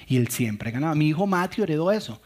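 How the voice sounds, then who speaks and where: A middle-aged man with a fairly high voice preaches to his congregation. He tells lively stories and acts out little quotes between his points. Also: fast talker. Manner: storytelling with acted-out quotes and laughs. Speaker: pastor. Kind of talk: sermon.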